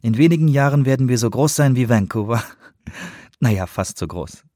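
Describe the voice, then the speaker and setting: A man's voice: medium pitch, animated, normal speed, dark tone, dry recording, clean studio sound, natural voice. A man voicing a friendly, talkative woman working at an airport counter, for an audiobook. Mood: friendly chatty. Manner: cheerful, talkative.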